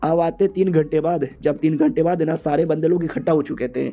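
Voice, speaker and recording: Mellow, chatty man recapping a manga story. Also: on the high side, steady tone, fairly quick. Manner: chatty, talks to the audience as "our main character". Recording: muffled lo-fi audio.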